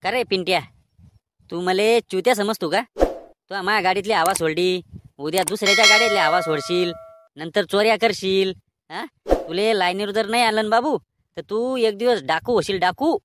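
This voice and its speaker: A woman's voice: mid-range voice, moderate pace, lightly acted. A woman voicing a stern male village schoolteacher in a cartoon, with a Khandeshi Marathi accent and a scolding, threatening manner. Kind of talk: cartoon voice acting. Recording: recording with audible background noise.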